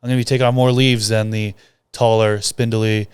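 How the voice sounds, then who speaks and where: Man, low smooth voice, flat delivery, casual podcast chat, dry sound. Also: a little fast, no echo. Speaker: podcast co-host and book author.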